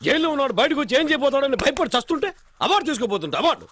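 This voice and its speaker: A fretting father, high voice, wildly swinging pitch, pleading, dubbed film. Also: big pitch swings, racing, fairly bright tone, no echo, exaggerated voice. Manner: pleading and scolding, repeating himself. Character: worried middle-aged father scolding his daughter.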